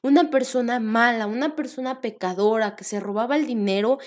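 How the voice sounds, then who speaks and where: A young woman telling a Bible story to children as a teacher. She stretches out repeated words, keeps asking the children questions, and sometimes drops to a soft whisper. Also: on the high side. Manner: animated, drawn-out repetitions, asks the children questions.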